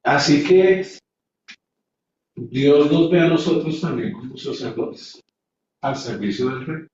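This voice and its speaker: A man's voice: fairly high pitch, takes it slowly, darkish tone, a little hiss or hum. A man teaching a Bible class in a sermon-like way, stressing his points and putting rhetorical questions to his listeners. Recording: echoey, dull sound from a distant mic.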